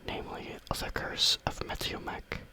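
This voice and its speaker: A man reading spooky stories aloud as ASMR in a breathy, unvoiced whisper, with deliberate phrasing.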